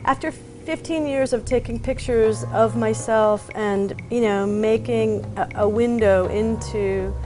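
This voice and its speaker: A woman in her thirties, an artist, speaks reflectively about her process in an interview. Her voice sits at a middle pitch and she thinks aloud, pausing often with small fillers. Soft music plays faintly behind her. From Atlanta, Georgia, US. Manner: thoughtful, pauses with fillers.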